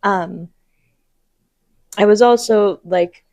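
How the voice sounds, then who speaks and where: A woman's voice: mid-range voice, extremely slow, a little mellow, no room sound, studio quality. A woman co-hosting a casual commentary podcast, rambling with lots of "um"s and playful sound-effect noises. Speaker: podcast co-host.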